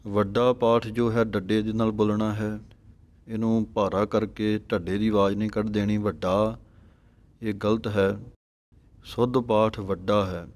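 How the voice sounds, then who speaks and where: A man teaching correct recitation of scripture, chanting verses slowly and then explaining the pronunciation. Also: fairly low pitch, flat delivery, a little mellow. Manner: slow, measured chanting of verses between explanations.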